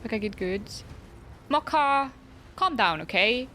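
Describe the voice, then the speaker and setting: Over music, a young woman streams a video game in a slightly high, animated voice that runs a little slow. She keeps up casual conversation with her viewers, replying to their messages and teasing herself, frustrated, about her failures.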